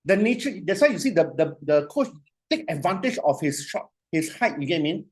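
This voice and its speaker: Animated lecturer who keeps asking "you see?". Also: male voice, a little high, breathy edge. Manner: animated, repetitive, asks "you see?" often; slows way down to dictate phrases. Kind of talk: classroom lecture.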